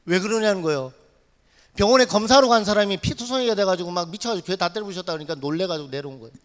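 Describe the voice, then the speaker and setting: A man, a missionary, preaching a dramatic testimony in a church sanctuary, acting out shouts and dialogue as he tells his story. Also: high-pitched, rapid-fire. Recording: long hall reverb in church.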